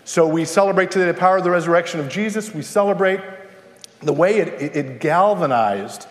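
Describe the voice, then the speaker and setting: High-voiced male preacher in an echoey hall. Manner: emphatic, rhetorical questions and dramatic pauses. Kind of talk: sermon to a congregation. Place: large reverberant room, preaching live. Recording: echoey hall with long reverb.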